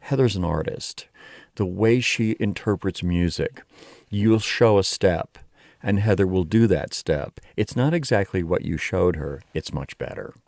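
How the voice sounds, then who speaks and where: A man's voice: low voice, expressive, measured pace, creaky, darkish tone, dry recording, clean studio sound. A man talking reflectively as an interview guest, a choreographer explaining things with emphatic wording. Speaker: ballet artistic director and choreographer, interview guest.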